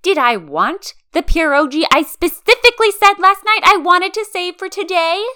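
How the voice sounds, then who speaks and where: A woman reading aloud voices a bold, easily outraged young woman, yelling her lines at full force in exaggerated outrage. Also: very high voice, animated, normal speed, voice pushed up, heavily acted. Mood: indignant.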